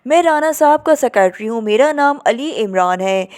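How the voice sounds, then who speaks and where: A woman's voice: on the high side, animated, a little mellow, lightly acted. A woman voicing a young man posing as a secretary, speaking politely and with a smile. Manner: polite, smiling, smooth-talking.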